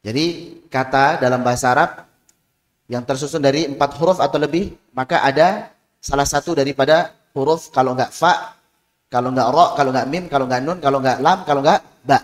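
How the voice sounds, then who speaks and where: A man's voice: mid-range voice, fairly quick, big-room sound. A man teaching a Quran pronunciation class, sounding out letters and syllables for his students to repeat. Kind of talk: tajwid lesson.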